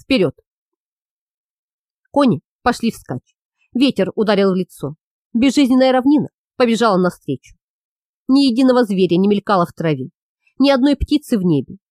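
A woman reading a fantasy novel aloud as an audiobook narrator, in an expressive, measured way. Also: on the high side, no room sound, clean studio sound.

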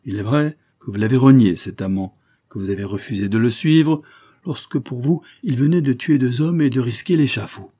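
A man's voice: mid-range voice, moderate pace, husky, close to an everyday voice. A man reading an audiobook, voicing a scheming, coldly polite marquis who sneers and presses his threats. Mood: menacing. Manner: sneering, insistent, rising to forceful outbursts.

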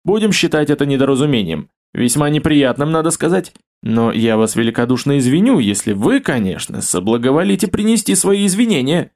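A man's voice: on the high side, big pitch swings, a little fast, hardly any pauses, darkish tone. A haughty young nobleman speaking in stiff, formal phrases, as a male reader puts him on. He sounds close to the narrator's own voice, a bit raised. An adventure audiobook voice.

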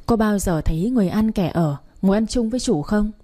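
Curt, cold young master, short orders, mellow husky tone , read by a woman. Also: medium pitch, expressive, fairly quick, close to an everyday voice. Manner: cold, clipped commands.

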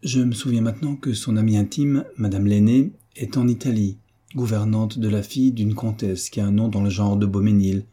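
A man voicing an excitable, self-important older woman housekeeper who talks in exclamations. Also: fairly low pitch, normal speed, husky. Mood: secretive. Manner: exclamatory, fussy.

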